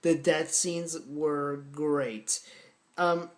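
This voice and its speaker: Male vlogger, slightly raised pitch, casual and stumbling delivery with fillers and swearing. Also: fairly even intonation. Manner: rambling, halting, frequent fillers and restarts, casual swearing. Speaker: horror film vlogger. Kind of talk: casual film review.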